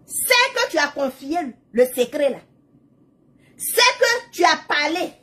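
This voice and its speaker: An adult woman, a mother, speaks slowly in a high, sing-song, fairly bright voice. In a casual live video monologue to her social media followers, she is emphatic and repetitive and drifts into prayerful preaching.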